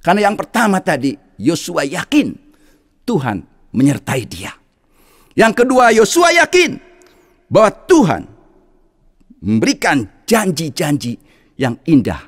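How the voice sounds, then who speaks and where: A male pastor preaching a sermon, emphatic and repeating his key phrases for stress. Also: sits high. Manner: tells a story with acted quotes.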